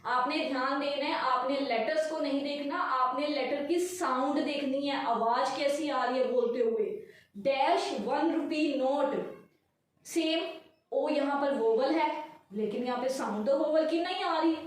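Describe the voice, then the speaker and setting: A woman's voice: high-pitched, far from the mic. A woman teaching English grammar, explaining step by step and answering her own questions. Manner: slow, deliberate English, quicker Hindi. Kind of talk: classroom grammar lesson. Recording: echoey room, voice from off the mic.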